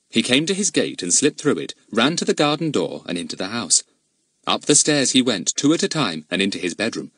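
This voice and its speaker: Male storybook narrator, husky, very lively pitch, dry close sound. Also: no echo. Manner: expressive, animated reading. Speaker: audiobook narrator.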